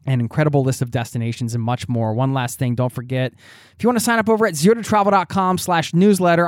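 A man hosting a travel podcast, friendly and quick to laugh. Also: medium pitch, a little mellow, no echo, studio quality. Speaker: podcast host.

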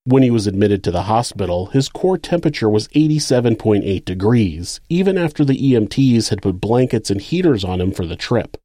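A man's voice: on the low side, animated, brisk, hardly any pauses, dark tone. A man with an American accent reading scripted true crime narration as the narrator of the case.

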